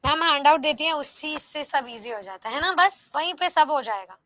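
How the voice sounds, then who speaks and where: A young woman teaching an online exam-prep class in a lively, coaxing way, often asking her students rhetorical questions. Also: sits high, normal speed, no room sound. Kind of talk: live online class, Hindi mixed with English.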